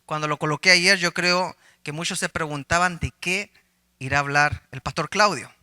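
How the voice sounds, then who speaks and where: A man's voice: fairly high pitch, normal speed, sharp tone, smooth. A middle-aged man, a pastor giving a conversational sermon, telling a personal story with humor and questions to his listeners.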